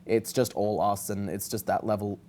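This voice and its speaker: A man's voice: fairly low pitch, fairly even intonation, moderate pace, a little mellow. An Australian man chats casually as an interviewed drag performer, emphatic, irreverent and gushing. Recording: faint background noise and ambience.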